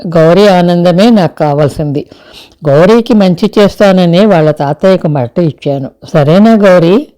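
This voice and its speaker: A woman voicing a kind young husband who speaks softly and reassuringly in an audio story. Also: lowish voice, unhurried, natural voice. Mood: gentle. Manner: soft, reassuring.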